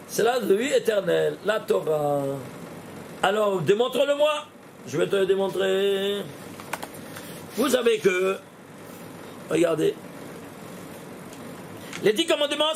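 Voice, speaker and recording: Lively gravelly-voiced rabbi teaching. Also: male voice, sits high, slight background noise. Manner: lively, questioning, talks straight to listeners, laughs often. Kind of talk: animated Torah lesson with gematria.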